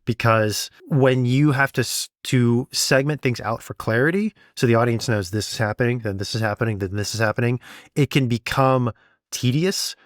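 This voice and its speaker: A male sound designer for audio drama co-hosts a podcast, explaining things step by step in a casual, conversational style. His voice is medium-pitched at a moderate pace, and the recording is dry with clean studio sound.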